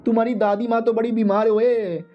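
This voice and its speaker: A man's voice: very high voice, level tone, fairly quick, dull audio. A man doing a cooing sly fortune teller. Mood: wheedling. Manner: cooing baby talk, sing-song. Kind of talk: comic manhua recap voice.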